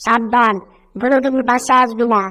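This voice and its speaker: A woman's voice: on the high side, fairly even intonation, moderate pace, sharp tone, pitched above the performer's own voice. A woman doing a stern scolding house mistress. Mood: angry. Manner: scolding, threatening. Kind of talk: Bengali fan cartoon dub.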